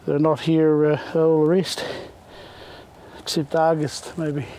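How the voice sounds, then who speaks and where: A man's voice: on the high side, level tone, unhurried, dark tone, a little hiss or hum. A middle-aged man with a broad New Zealand accent, a fisherman chatting casually and understatedly outdoors. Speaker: local eel fisherman. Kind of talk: casual chat. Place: open grassy wetland, outdoors.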